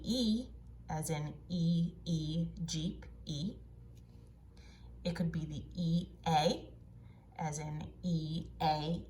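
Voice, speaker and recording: Woman teacher doing phonics drills for kids, stretches out every sound, slightly low voice. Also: slight background noise. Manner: slow, drawn-out sound drills. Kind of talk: phonics lesson for children.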